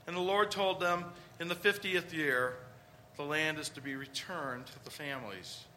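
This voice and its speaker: A man's voice: on the high side, normal speed, sharp tone, slight background noise. A man preaching a conversational homily, with rhetorical questions and emphatic points.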